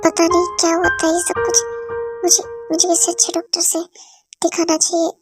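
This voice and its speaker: A woman voicing a hot-tempered young wife in an amateur fan-dub drama reading, scolding in a rapid tirade full of insults. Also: very high-pitched. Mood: pained.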